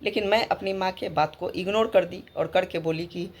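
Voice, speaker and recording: A woman's voice: on the low side, fairly even intonation, normal speed. Aggrieved woman vlogger from Bihar. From Bihar, India. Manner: indignant, cursing and lamenting, many fillers. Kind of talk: emotional monologue to camera.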